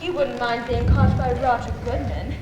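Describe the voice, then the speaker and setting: A woman's voice: fairly high pitch, steady tone, normal speed, highs cut off, close to an everyday voice. A woman playing a gushing young society lady in a stage musical comedy. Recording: echoey hall, clear background noise.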